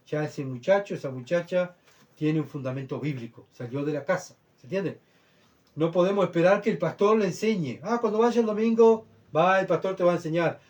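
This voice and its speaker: A man preaching with earnest emphasis, his voice sitting a little higher than most men's. He swings between loud, pleading bursts and quiet asides, often checking that his listeners follow. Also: fairly quick. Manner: earnest, emphatic, rhetorical questions. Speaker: pastor. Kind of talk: sermon.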